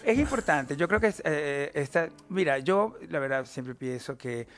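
A middle-aged Venezuelan novelist, his voice a little high, animated and a bit bright, speaks at normal speed as a guest in a studio interview. The chat is casual, and he talks expressively and at length, adding theatrical asides.

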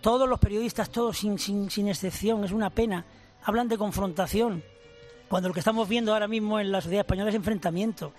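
Older man, high voice, emphatic, explanatory, radio interview. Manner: emphatic, explanatory, addresses host formally. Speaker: language professor and author.

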